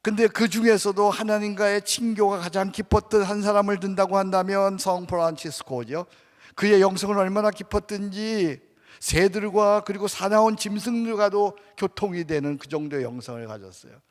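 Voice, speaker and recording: A male pastor preaching a sermon at a conference. He swings between loud calls and hushed, prayerful murmurs, asking his listeners questions and having them repeat prayers. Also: high-pitched, normal speed. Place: church sanctuary with long reverb. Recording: reverberant church hall.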